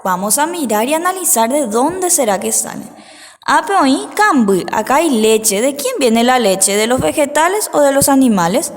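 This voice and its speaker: A woman teacher giving a patient lesson to pupils, slowly repeating each word for them to say back. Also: high-pitched, sing-song, in a large hall, a little hiss or hum. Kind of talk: remote class lesson.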